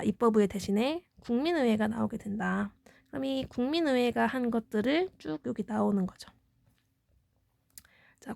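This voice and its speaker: Female teacher, slightly high voice, walks students through exam material with rhetorical questions. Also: creaky, a little mellow, dry recording. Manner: explanatory, poses questions then answers them. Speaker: middle school history teacher. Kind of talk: exam review lecture.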